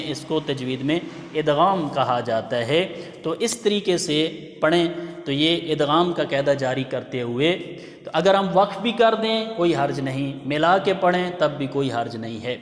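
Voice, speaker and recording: A man giving a religious pronunciation lesson, explaining patiently and chanting example phrases slowly. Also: on the high side. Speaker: religious teacher. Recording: echoey hall with long reverb.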